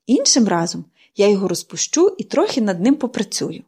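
A woman's voice: medium pitch, sing-song, fairly quick, warm tone, husky. A woman reading a storybook and voicing a cheerful, talkative little girl who speaks eagerly. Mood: bubbly.

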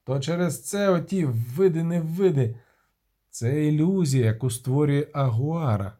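A man puts on a scornful sailor who waves off every warning as nonsense. His delivery is dismissive and mocking, with a warm, mellow tone. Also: fairly high pitch, a little slow, natural voice. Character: scoffing skeptical male sailor.

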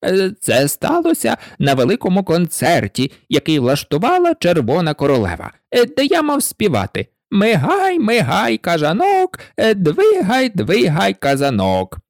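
A reader voicing an eccentric, mournful male hatter in a storybook, rambling and excitable, with frequent hesitations. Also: medium pitch, moderate pace, hardly any pauses, no room sound, studio quality, voice pushed up. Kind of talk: storybook reading.

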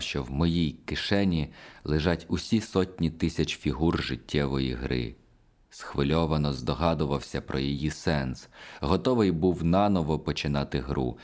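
Very deep-voiced male audiobook narrator. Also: darkish tone. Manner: measured, reflective reading.

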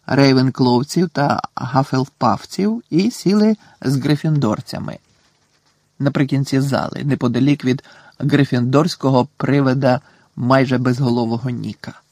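A man reading a storybook aloud in steady, expressive scripted narration. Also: medium pitch, no room sound. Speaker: audiobook narrator.

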